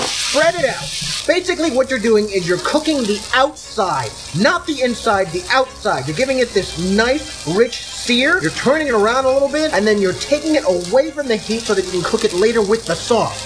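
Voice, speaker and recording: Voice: medium pitch, expressive, normal speed, background noise. A brash, playful, tipsy cooking host giving casual, sweary step-by-step instructions. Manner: tipsy, drunk. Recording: music behind, sizzling pan. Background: music and frying sizzle.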